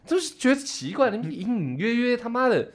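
Young male podcast co-host, high, bouncy voice, swears casually. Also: fairly quick. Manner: excitable, swears casually, repeats words for emphasis. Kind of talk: animated storytelling chat.

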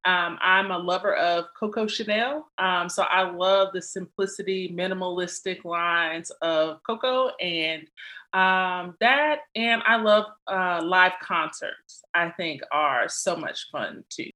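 A woman's voice: fairly low pitch, takes it slowly, bright, forceful tone. A woman, a costume and wig artist chatting in an interview, with lots of "um" fillers. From Mississippi, US. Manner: friendly, chatty, many "um" fillers. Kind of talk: conversational interview. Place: home office.

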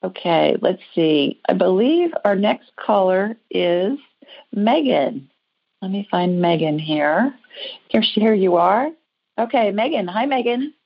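A woman with an American accent hosts a call-in psychic show, reading for callers in a chatty, informal, reassuring, conversational way. She speaks slowly at medium pitch with lively intonation, vocal fry, and a breathy edge, over dull lo-fi audio.

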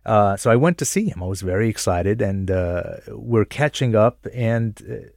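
Man from Jordan, low voice, reflective storyteller on a radio chat, dry studio sound. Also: lively intonation, normal speed, gravelly, darkish tone, no echo. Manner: thoughtful, self-reflective, laughs easily. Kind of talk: conversational radio chat, telling personal stories.

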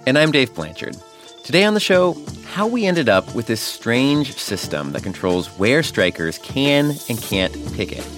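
A man's voice: mid-range voice, very animated, a little slow, a bit bright, faint music behind. A man co-hosting a radio show, narrating in a conversational, scripted way. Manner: conversational storytelling.

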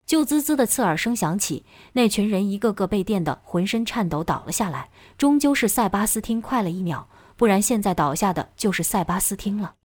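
A woman narrating a novel as an audiobook, telling the story in a steady way. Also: medium pitch, fairly quick, hardly any pauses, dry recording.

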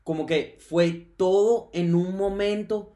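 A man's voice: sits high, steady tone, takes it slowly, mellow. A man hosting a podcast, talking in an encouraging, emphatic way with repeated phrases. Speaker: podcast host. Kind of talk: casual podcast conversation.

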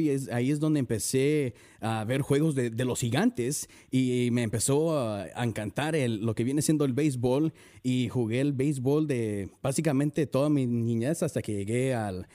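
A young man from the San Francisco Bay Area, a guest chatting casually from home, relaxed and full of fillers and restarts. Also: medium pitch, normal speed. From San Francisco Bay Area, USA. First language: Spanish. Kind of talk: casual interview chat.

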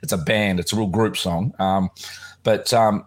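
A podcast host with a somewhat low, slightly croaky voice leads an easygoing chat about music. He takes his time, rambling along with plenty of fillers and restarts.

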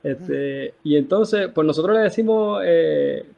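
Man, puerto rican accent, chatty interview, fairly high voice, somewhat muffled sound. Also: slow pace, creaky. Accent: Puerto Rican Spanish. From Puerto Rico. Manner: chatty, explaining with examples. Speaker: band member. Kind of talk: casual interview talk.

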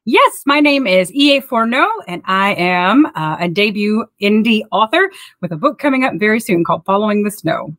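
A woman's voice: medium pitch, animated, normal speed, a bit bright, dry recording. A woman guest author in a casual interview, talking hesitantly with many fillers. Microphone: remote call.

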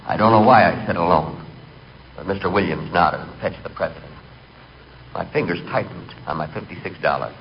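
On a muffled, noisy 1940s radio recording, a man with a deep voice speaks a little fast. He's an actor in a radio comedy playing a hapless, melancholy man who narrates his own humiliations in first person, sounding rueful and rattled.

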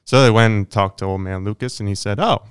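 A man co-hosting a podcast, telling an anecdote in a relaxed, soft-spoken way. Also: fairly low pitch, quick pace, clean tone, no room sound, clean studio sound. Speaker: podcast co-host. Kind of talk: casual chat.

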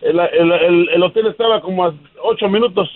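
Radio caller, high voice, fast and rambling, over a thin phone line. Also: male voice, dry recording. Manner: quick, rambling, restarts often. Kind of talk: phone-in storytelling.

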